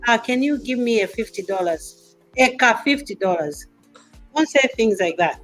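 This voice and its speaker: This is a woman in her fifties from Zambia, hosting a casual panel talk show. Her voice sits a little high, and she drives her points home by repeating them. Faint music plays behind her. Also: animated, moderate pace, rough recording. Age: 50s. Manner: emphatic, repeats points for stress.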